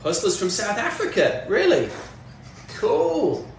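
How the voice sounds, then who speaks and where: A man's voice: high voice, huge pitch swings, takes it slowly, vocal fry, far from the mic. Guy chatting on a stream, off mic, big echo, faint hum behind. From northwest England. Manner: chatty, answers chat comments, talks while working. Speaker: music streamer. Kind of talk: casual livestream chat. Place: home studio, in doors. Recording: very echoey room, off mic, faint background noise.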